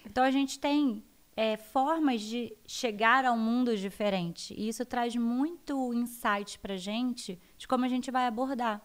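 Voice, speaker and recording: A woman with a Brazilian accent, a guest educator explaining child development in an animated interview. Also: fairly high pitch, unhurried, few pauses. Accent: Brazilian Portuguese. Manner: animated, acts out her children's voices.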